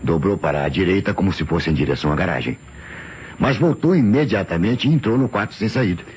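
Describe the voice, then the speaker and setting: Speaking low with a somewhat dark tone, a man animatedly performs the part of a polite physician in an old radio drama, using a Brazilian accent. His testimony is careful, formal, earnest, and deliberate as he explains, and the sound is muffled and noisy.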